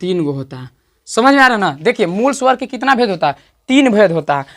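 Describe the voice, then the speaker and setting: Teacher drilling vowel lengths. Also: male voice, high-pitched, sing-song, fairly quick, a bit bright. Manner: repetitive, checks understanding often; stretches out sounds to demonstrate vowel length. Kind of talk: online grammar lesson.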